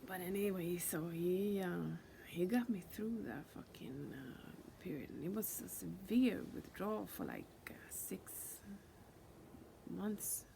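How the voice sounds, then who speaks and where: A woman with a gravelly, fairly low voice talks through her own story in a casual, unscripted way. She stumbles and restarts often, swears freely and hammers points home by repeating words. A faint hiss sits under her voice. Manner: halting, full of fillers and restarts, heavy swearing. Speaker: channel host telling her own story.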